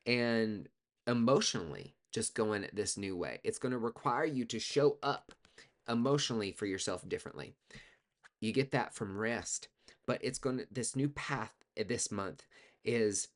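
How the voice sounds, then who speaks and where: A man giving a casual tarot reading, talking in a profane, sassy, coaching way, swinging between loud bursts and quiet asides. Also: on the low side. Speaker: tarot reader.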